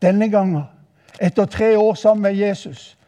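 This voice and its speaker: An older man from southern Norway with a southern Norwegian accent, preaching a sermon in a mission hall and telling the story vividly. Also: high-pitched. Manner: lively storytelling, voice rising for quoted exclamations.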